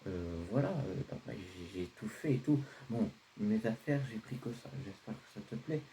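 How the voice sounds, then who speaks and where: A man's voice: fairly low pitch, animated, moderate pace, dark tone, slight background noise. A man playing a carefree teenage son. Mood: casual. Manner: casual, pleading, hesitant with fillers. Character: carefree teenage son defending his outfit. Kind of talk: homemade comedy sketch.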